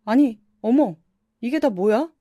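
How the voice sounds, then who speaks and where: A woman voicing an indignant older mother-in-law who scolds with shrill exclaiming outbursts. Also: lively intonation, unhurried, dark tone, no echo, studio quality. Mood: shocked.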